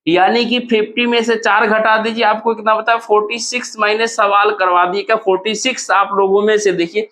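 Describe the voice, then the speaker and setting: A man's voice: high voice, flat delivery, a little fast, sharp tone. A male teacher with a Bihar Hindi accent walking students through exam answers in a casual, encouraging way. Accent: Hindi-speaking Bihar. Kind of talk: exam solution walkthrough.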